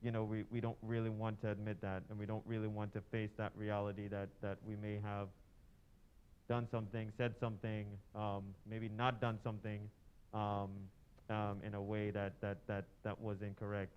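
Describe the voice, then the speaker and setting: A man from Trinidad and Tobago, talking haltingly with many fillers and restarts in a church workshop discussion. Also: lowish voice, level tone, smooth, muffled recording. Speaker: workshop participant.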